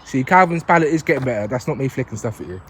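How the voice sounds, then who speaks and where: Cooking casually in the woods, a man hosts his show with constant jokes and laughter as he explains each step in a chatty way. He speaks very fast and animatedly in a medium-pitched voice. The background is noisy.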